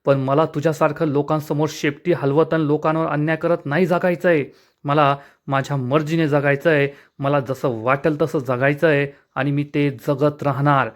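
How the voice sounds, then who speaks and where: A man's voice: a little high, level tone, moderate pace, natural voice. A man reading the lines of a young adult son who is furious and defiant, threatening his father in a menacing tone. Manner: shouting, menacing.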